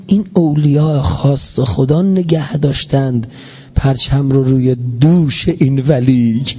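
A man's voice: fairly high pitch, slightly rough. A man preaching an emotional mourning sermon, repeating phrases as his voice swells and sinks. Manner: impassioned, repetitive, swelling and sinking in loudness. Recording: dull lo-fi recording.

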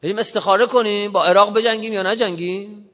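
A man giving an emphatic sermon in casual everyday speech, slowing down to recite scripture. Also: high voice, fairly even intonation, a bit bright. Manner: emphatic, quotes scripture in slow measured recitation; colloquial, explains modern slang. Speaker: preacher. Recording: muffled reverberant hall recording.

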